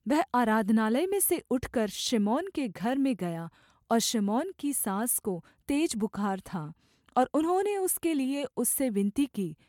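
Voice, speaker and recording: A woman reads scripture aloud in formal, measured narration. Her voice is fairly high and moves in lively, sweeping contours, with a soft, mellow tone. The recording is close and dry. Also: no echo. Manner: formal, measured, falling at sentence ends. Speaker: scripture reader.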